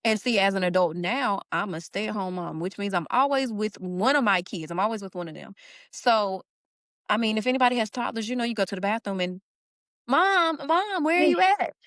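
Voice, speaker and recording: A woman's voice: medium pitch, fairly quick, fairly bright tone, dry recording, studio quality. A young woman, a stay-at-home mother, talking earnestly and informally in a casual heartfelt conversation. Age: young adult. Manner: earnest, Southern-tinged informal speech with y'all. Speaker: stay-at-home mom, podcast guest.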